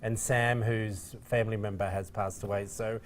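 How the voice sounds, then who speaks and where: A man's voice: lowish voice, level tone, moderate pace, a crowd in the background. A man co-hosting a midday TV talk show who jokes, teases his co-hosts and rambles in casual studio chat. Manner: joking, teasing, rambling.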